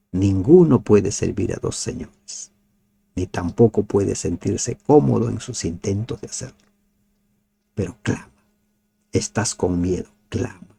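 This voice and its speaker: A man giving a devotional Bible commentary, asking his listeners rhetorical questions and dropping to soft, nearly whispered pleas. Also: lowish voice, creaky, slightly rough. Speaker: Bible teacher.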